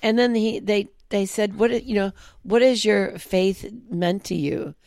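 A woman's voice: mid-range voice, measured pace, vocal fry, a little mellow, no echo, studio quality. A woman co-hosting a casual podcast, agreeing often and retelling stories. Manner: lots of agreeing backchannels, storytelling. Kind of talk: casual chat.

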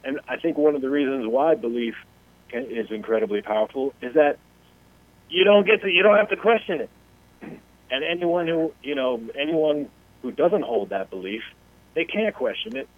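A man's voice: mid-range voice, animated, no echo. A man co-hosting a talk show makes his case with emphasis, swearing, and repeated restarts and fillers. His voice comes through dry and thin, as if over a phone line. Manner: emphatic, halting, full of fillers. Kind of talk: casual profane talk show discussion.

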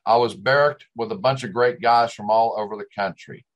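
Low West Texas twang, male storyteller. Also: a little fast, dull audio. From West Texas, United States. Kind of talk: scripted first-person dramatic monologue.

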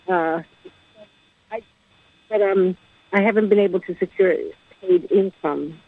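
Female caller, hesitant and halting, heard through a crackly phone line that fades in and out, thin and dry. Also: mid-range voice, dry recording. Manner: hesitant, halting, full of ums. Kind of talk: call-in question to a radio show.

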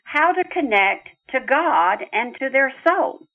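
A woman quoting a gentle, calm late father. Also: high-pitched, slow, slightly rough, voice pushed up, full character voice. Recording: tinny phone line.

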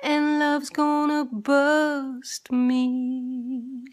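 Guest singer from the UK, woman, high voice, very slow delivery. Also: completely flat delivery, soft background music. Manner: slow, drawn-out singing. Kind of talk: sung performance.

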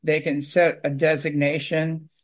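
A man who clears houses of spirits talks in casual conversation, telling long stories in an earnest, rambling way. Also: fairly high pitch, little pitch movement, unhurried.

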